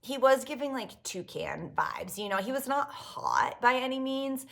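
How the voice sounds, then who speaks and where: A woman's voice: sits high, animated, a little slow, gravelly. A woman podcast host telling stories in a casual monologue, profane and self-mocking.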